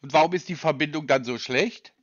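A man's voice: a little high, a little fast, a bit bright, dry recording. Insistent sarcastic man on a phone call. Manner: insistent, pedantic and sarcastic questioning. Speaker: person being called by a sales agent.

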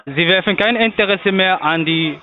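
High-voiced man on a phone line. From Portugal. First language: Portuguese. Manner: halting, broken German, long-winded. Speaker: call center agent. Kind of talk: phone sales call.

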